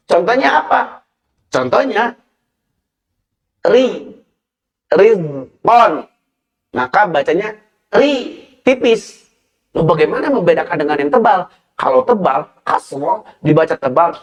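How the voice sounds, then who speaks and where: A man teaching Quran recitation rules on a televised lesson, patiently repeating and sounding out letters as examples. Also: medium pitch. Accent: Indonesian.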